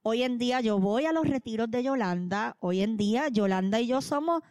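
A middle-aged woman pastor with a Puerto Rican accent, sharing a personal testimony in a playful, expressive storytelling way with touches of humor. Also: a little high, moderate pace, no room sound.

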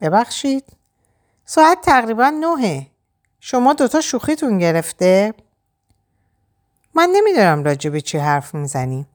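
A woman's voice: medium pitch, sing-song, pauses often, voice pushed up, natural voice. A woman voicing an anxious young woman who presses with urgent questions. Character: anxious young woman searching for her husband.

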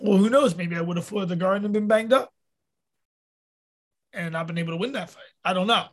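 An MMA fighter from New York who hosts a podcast chats in a high voice, rambling, cursing liberally and performing the lines he quotes in this casual, foul-mouthed talk.

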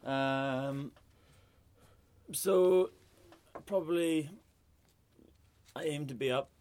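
A man, a musician, chatting casually in an interview, relaxed and hesitant with many fillers. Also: on the high side, very slow. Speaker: musician guest.

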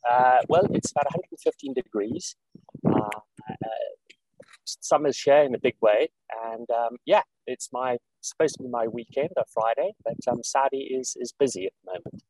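A man from South Africa, an executive director, explains his work in an interview over a video call, talking in a measured way with many fillers and restarts. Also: medium pitch, a little mellow, no echo, poor audio. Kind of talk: interview conversation. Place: Saudi Arabia, remote call.

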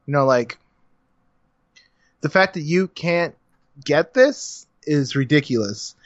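Co-host, male, slightly high voice, blunt and swearing, dry lo-fi recording. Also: animated, slow pace, no echo. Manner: blunt, profane, heated. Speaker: podcast co-host. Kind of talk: casual podcast chat. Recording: dry, dull lo-fi sound.

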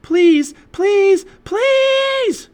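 A man doing an excitable little girl, high and bright. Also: unhurried. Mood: excited shouting. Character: eager fearless young girl, excitable. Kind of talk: storybook read-aloud.

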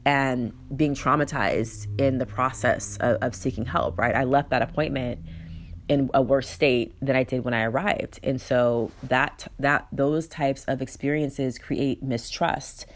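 In an interview, a woman gives a blunt, emphatic personal account, swearing freely and often starting her sentences over. Her very deep voice has fairly even intonation and a measured pace.

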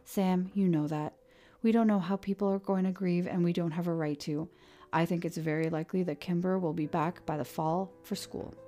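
A woman's voice: lowish voice, fairly even intonation, moderate pace, lightly acted. A woman reading an audiobook, voicing a stern middle-aged male sheriff who is also a weary father, firm and commanding. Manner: firm, commanding, loud when angered. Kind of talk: audiobook character voice.

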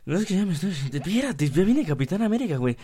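Man putting on a whiny young mexican guy, higher voice, impatient, cutting his date off. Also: big pitch swings, very fast, dark tone, breathy edge, heavily acted.

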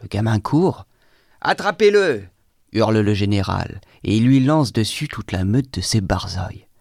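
A man reading a classic novel aloud with measured, expressive narration. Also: lowish voice, vocal fry, dry recording, clean studio sound. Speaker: reader.

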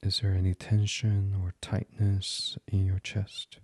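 Male meditation guide, very low, mellow and unhurried, close and dry. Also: monotone, no room sound. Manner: slow, soft and soothing, drifting into whispers.

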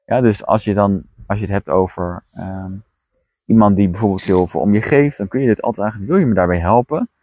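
A man's voice: lowish voice, fairly quick, mellow, no room sound. A man talking as a podcast host and coach in a blunt, plainspoken monologue.

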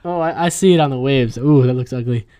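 A man's voice: medium pitch, warm tone, smooth, dry recording, studio quality. A young man co-hosting a casual podcast with a friend, joking and teasing as he chats. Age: young adult. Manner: joking, rambling, quick to tease. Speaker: podcast co-host. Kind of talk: casual chat between friends.

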